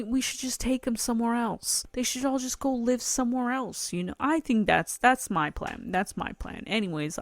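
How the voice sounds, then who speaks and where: A woman's voice: medium pitch, dry recording. A tired woman hosting a solo podcast from her room, chatting casually and rambling with frequent laughs. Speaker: podcast host.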